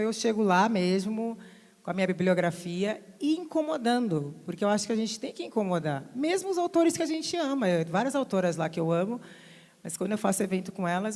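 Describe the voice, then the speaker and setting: A Brazilian woman speaking on a literary panel, animated and mimicking other people with playful put-on voices. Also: medium pitch. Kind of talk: lively panel talk. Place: large hall at a literary festival. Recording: long hall reverb.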